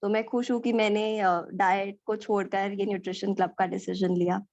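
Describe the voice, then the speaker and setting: A woman's voice: medium pitch, level tone, moderate pace, darkish tone, no echo, dull audio. A young woman describing her fitness results earnestly and at length, mixing in English words. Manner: earnest, explains at length, Hindi mixed with English. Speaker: participant sharing her results.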